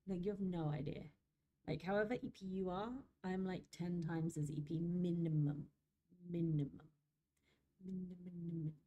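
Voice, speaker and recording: Woman streamer, mellow low voice, jokey and chatty, reads lore then riffs with chat. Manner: chatty, joking, laughs often, internet slang.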